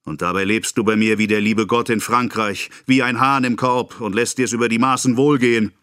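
A male narrator voicing a pompous, excitable middle-aged apothecary who rants and scolds in a self-important way. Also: fairly high pitch, slow, dry recording, clean studio sound, pitched above the performer's own voice, exaggerated voice. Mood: scolding. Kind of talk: audiobook character voice.

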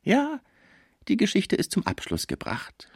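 A man voicing a sly, menacing male lawyer who sneers and mocks in a high, sharp voice. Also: wildly swooping pitch, measured pace, husky, no echo, clean studio sound, full character voice. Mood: satisfied.

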